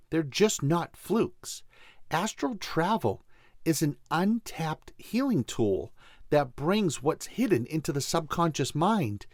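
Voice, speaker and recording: A man's voice: fairly high pitch, no room sound, studio quality. A man from Boston with a Boston accent, hosting a motivational spiritual talk show in a folksy way, speaking straight to listeners. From Boston, USA. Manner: folksy, addresses listeners directly. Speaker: show host.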